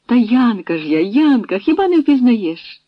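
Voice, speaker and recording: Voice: mid-range voice, big pitch swings, moderate pace, dry recording, pitched above the performer's own voice. A reader voicing an emotional young noblewoman who speaks in eager exclamations, in an audiobook reading. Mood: tender. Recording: dry, dull lo-fi sound.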